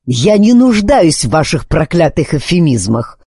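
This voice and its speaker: A man reading an audiobook voices a proud, quick-tempered aristocratic husband who speaks harshly and accusingly. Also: a little high, very animated, warm tone, husky, dry recording, exaggerated voice. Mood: furious.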